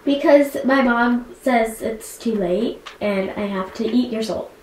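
A woman's voice: a little high, unhurried, darkish tone. A woman hosting a playful gaming video, giggling and slipping into mock-villain theatrics. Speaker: gaming channel host. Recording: echoey room with faint noise.

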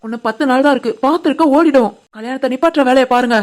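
A woman voicing a worried, kind-hearted young woman in an animated family story, who talks in a quick, urgent way. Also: high-pitched, natural voice.

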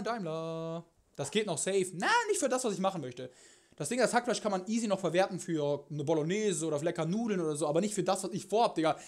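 A young man chatting casually on a live stream from his home kitchen, slangy and crude, swearing freely and swinging between mumbles and loud bursts. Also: high-pitched. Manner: excitable, jumps between mumbling and loud outbursts.

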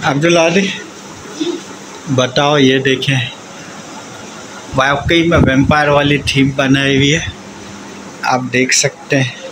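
Slow-talking man vlogging on a noisy phone. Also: medium pitch. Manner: slow, chatty narration to the viewers, coaxing a child. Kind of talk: casual family vlog narration. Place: restaurant and themed cafe, partly outdoors.

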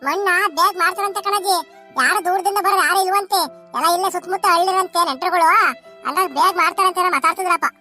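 A woman's voice: very high voice, quick pace, bright, forceful tone, soft background music. A woman voicing a young village woman in a cartoon who nags and pleads with her grandmother. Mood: nagging. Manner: pleading, nagging rural chatter.

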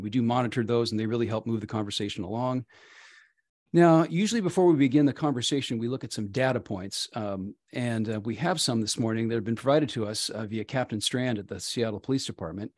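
A man moderates a virtual panel at an ordinary pitch. The sound is dry and close, and his questions come at a measured pace. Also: a little mellow, dry recording.

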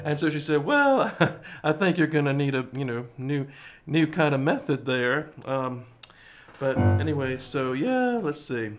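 A slow, chatty man at his piano streams live as a singer and pianist, singing with piano and then rambling casually with viewers while laughing easily. His voice is a little high and very animated. He sits indoors before a green-screen backdrop, recorded on a studio mic with a pop filter, with piano music under his voice.

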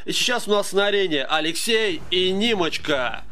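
Higher-voiced man commentating game fights. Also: normal speed. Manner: excitable, informal, addresses viewers as friends. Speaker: host and tournament commentator. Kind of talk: live video game match commentary. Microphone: voice-over over game audio. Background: game music and fight sounds.

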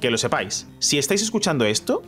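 A man's voice: mid-range voice, sing-song, quick pace, a bit bright, faint music behind. A young man with a Spanish accent from Spain, giving jokey, self-mocking commentary over a game playthrough and talking to his viewers. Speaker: gaming YouTuber.

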